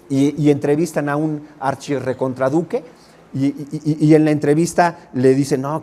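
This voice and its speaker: A man's voice: fairly high pitch, dark tone. A man with a Mexican Spanish accent preaching a sermon in a church, conversational with asides to the congregation and emphatic exclamations. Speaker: pastor.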